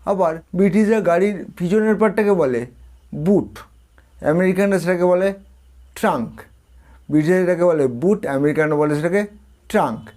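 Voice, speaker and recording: A male tutor from India gives a spoken lesson in a slightly high voice. He states each term, repeats it, and puts questions to the listener. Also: normal speed, long pauses, darkish tone. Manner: explains each term, then repeats it and quizzes the viewer. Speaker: English tutor.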